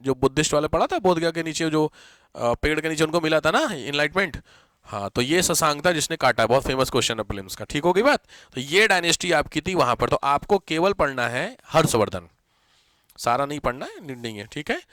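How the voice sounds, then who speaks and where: A male teacher gives an exam-prep history lesson, dictating notes slowly, spelling words letter by letter, and repeating every term. His voice is a little high, very animated, and fairly bright, with no echo.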